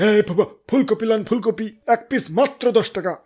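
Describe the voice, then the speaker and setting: A woman voicing a pushy street vegetable seller in a cartoon, calling out prices in a sing-song sales pitch. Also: fairly quick, a little mellow, slightly rough. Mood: hawking. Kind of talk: cartoon voice acting.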